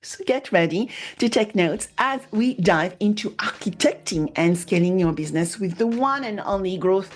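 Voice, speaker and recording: Woman host, measured interviewer, mid-pitch. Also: animated. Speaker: podcast host. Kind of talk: podcast interview introduction and questions.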